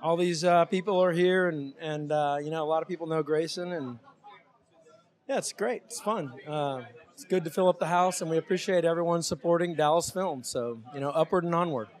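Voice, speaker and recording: Man, filmmaker interviewee, high-pitched voice, casual rambling talk. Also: fairly quick. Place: film premiere red carpet at a theater.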